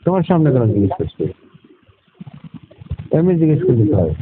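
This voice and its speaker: Evasive boyfriend played by a man, defensive, pleading, mid-pitched, phone-line drama with faint hiss. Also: very animated, fast, lightly acted. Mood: placating. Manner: defensive, pleading, repeats questions back. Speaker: boyfriend in staged phone call. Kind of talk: staged phone-call drama.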